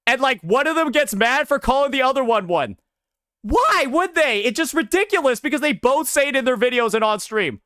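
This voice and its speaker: A man livestreaming and chatting casually with his viewers, slangy and animated, swearing often and saying "bro" a lot. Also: very high-pitched, brisk, no room sound, clean studio sound. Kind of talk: casual stream commentary.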